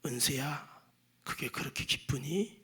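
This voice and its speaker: A man voicing God as a sad, gentle presence who speaks low and softly. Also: lively intonation, fairly quick, vocal fry, breathy edge, full character voice. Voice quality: hushed, low, wounded.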